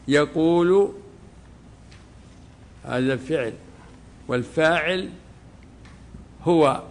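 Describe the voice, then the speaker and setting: In a classroom setting, a male religious scholar whose voice sits on the high side explains a legal text. His delivery is deliberate, with phrases repeated along the way.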